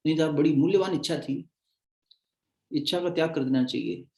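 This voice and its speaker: Guy giving a spiritual talk, warm soft voice, roomy echo, chats then chants verses slow. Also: fairly high pitch. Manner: conversational, slowly chants verses. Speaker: spiritual teacher. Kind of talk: devotional discourse.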